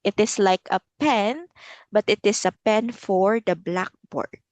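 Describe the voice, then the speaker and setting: A woman's voice: medium pitch, a little slow, no echo. A woman teaching simple words to a young child as if talking to a toddler, repeating short phrases encouragingly and often laughing. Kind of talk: slow, simple children's lesson with repetition.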